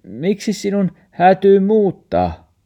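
A man reading a storybook, playing a kind, reassuring grandfather who coaxes gently in dialect. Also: medium pitch, lively intonation, vocal fry, pitched above the performer's own voice. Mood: coaxing. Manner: warm coaxing dialect speech.

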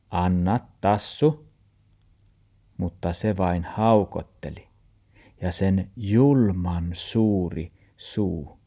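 A man with a Tornedalian Meänkieli accent, narrating a children's storybook in a measured, expressive way. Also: low voice. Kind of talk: storybook reading.

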